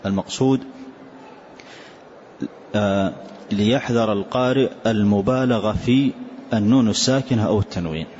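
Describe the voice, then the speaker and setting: Low-voiced man teaching recitation rules. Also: a little mellow. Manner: explains slowly, demonstrates pronunciations by reciting short words. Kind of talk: classroom lesson on tajweed rules. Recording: dull lo-fi lecture recording with faint hiss.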